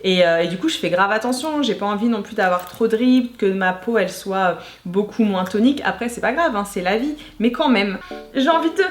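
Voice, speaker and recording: A woman in her thirties chatting casually and enthusiastically as she unboxes beauty products, gushing over each one. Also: a little high. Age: 30s. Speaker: beauty vlogger. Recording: echoey room, faint noise.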